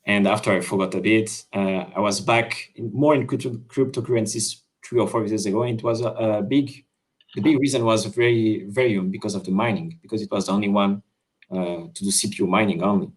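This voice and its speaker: A man's voice: lowish voice, fairly even intonation, fairly quick. A man from Switzerland, a crypto developer, chatting on a video call in a hesitant way, with lots of fillers and restarts. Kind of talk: casual video call chat.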